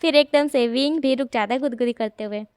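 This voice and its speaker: A woman's voice: sits high, fairly quick, darkish tone, clean tone, no echo. A woman narrating a fan fiction story in a conversational storytelling way, switching between the characters' voices.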